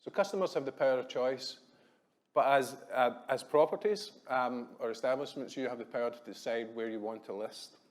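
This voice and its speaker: In a hotel conference room, a conference speaker from Glasgow, Scotland, in his thirties delivers a fast, conversational business talk. His Glaswegian-accented voice is medium in pitch, and his self-deprecating delivery is filled with ums.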